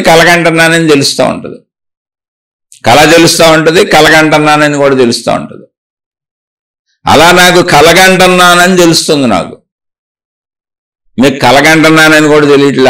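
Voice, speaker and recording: A man's voice: a little high, fairly bright tone. A man, a spiritual teacher, giving an earnest spiritual talk, answering viewers' questions and telling a parable, with rhetorical questions along the way.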